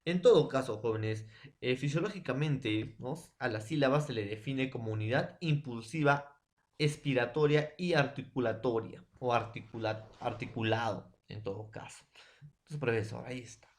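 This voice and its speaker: A man's voice: mid-range voice, normal speed. A man from Peru teaching a secondary school language class, explaining patiently and repeating his points, with frequent tag questions and fillers. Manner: repetitive, fills every phrase with tag questions and addresses. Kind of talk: recorded online class lecture.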